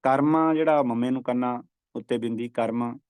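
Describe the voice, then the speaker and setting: A man teaching scripture recitation, chanting verses slowly and repeating them for practice. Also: medium pitch, a little mellow, clean tone, dry recording.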